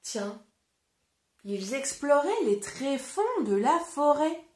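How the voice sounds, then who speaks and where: Brief: high, animated French woman teacher reading to young kids, carefully articulated. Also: echoey room. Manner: encouraging, addresses child directly; slow, clearly articulated. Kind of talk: interactive read-aloud lesson for children.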